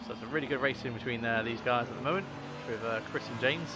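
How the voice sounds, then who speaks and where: A man's voice: mid-range voice, fast. A man hosting a livestream with casual, chatty motorsport commentary on a sim race. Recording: clear engine noise behind voice.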